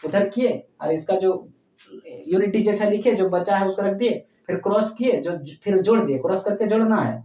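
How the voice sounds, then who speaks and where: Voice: mid-range voice, warm tone. A math teacher working through a problem step by step, checking in with the class after every point. The voice sits in a roomy, echoing space and is heard from some distance from the mic. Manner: explains slowly, often checks in with "okay?"; addresses students fondly as "child". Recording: echoey room, voice far from mic.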